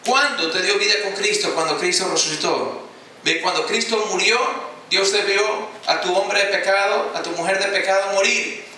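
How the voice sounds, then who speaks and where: In a church hall, a male pastor with a high, bright voice preaches forcefully at a normal pace, calling out to the congregation and pausing for their replies. The sound is distant and echoey, with a slight hiss or hum.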